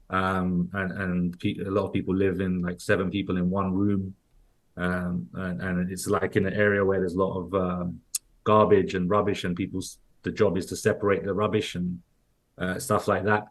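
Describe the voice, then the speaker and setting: A London man with a London accent chats casually as an interview guest, rambling loosely with lots of restarts and fillers. His deep voice moves little in pitch and keeps a moderate pace.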